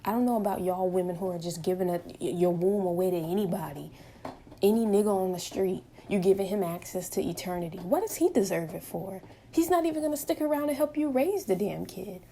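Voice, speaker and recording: A woman's voice: mid-range voice, a little fast, warm tone, a little hiss or hum. A woman in her twenties vlogging from home in an impassioned, emphatic monologue full of rhetorical questions. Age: 20s. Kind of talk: opinionated direct-to-camera monologue.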